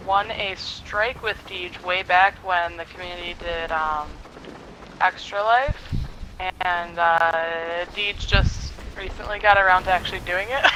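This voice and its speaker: Man, high voice, bright tone, slow, giggly, rambling, podcast guest. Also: a little hiss or hum, poor audio. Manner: giggly, rambling, many fillers. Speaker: podcast guest, community clan leader. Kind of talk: casual chat.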